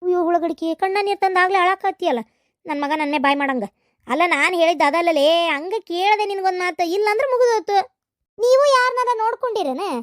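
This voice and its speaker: A woman's voice: very high voice, a little fast, no echo, clean studio sound. A woman voicing a meddling, gossipy middle-aged village woman in a cartoon, with a North Karnataka Kannada accent and a nagging, sly manner. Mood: indignant. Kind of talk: cartoon voice acting.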